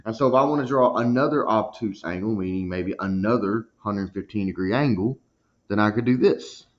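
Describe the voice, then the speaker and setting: A man's voice: lowish voice, moderate pace. A man teaching a recorded math lesson, walking through each step and checking in with a frequent "okay?". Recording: dull lo-fi recording.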